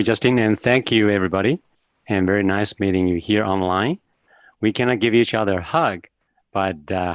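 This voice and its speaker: A man in his fifties from Taiwan speaks in a lowish voice, delivering an encouraging seminar talk over a video call peppered with hesitant fillers. The call audio sounds dry and dull, without any room sound.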